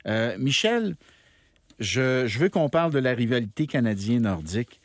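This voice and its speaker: A man with a Québécois accent hosting a casual interview, enthusiastic and quick to jump in. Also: mid-range voice, sing-song, no echo. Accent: Québécois French. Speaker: interviewer, host.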